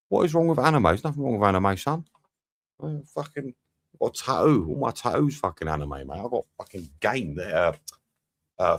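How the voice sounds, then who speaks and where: A man's voice: mid-range voice, no room sound. A young man doing a live match watch-along, swearing freely and bantering with his chat between bits of play commentary.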